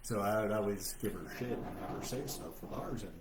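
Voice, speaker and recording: A man's voice: fairly low pitch, brisk. A man co-hosting a casual chat, telling wry stories in a laid-back way. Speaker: podcast co-host. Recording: echoey room with clear background noise.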